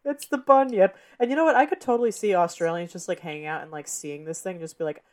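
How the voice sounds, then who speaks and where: Speaking quickly, this podcast co-host is a young American woman with a slightly low voice. She keeps things loose and upbeat, breaking into laughter easily and cursing casually as she chats.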